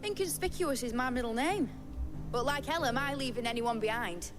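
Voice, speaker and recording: A woman's voice: a little high, moderate pace, close to an everyday voice. An actress playing a brash, salty young female ship captain in a fantasy video game. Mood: cocky, defiant. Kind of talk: dramatic video game acting. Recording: game music playing behind the voice.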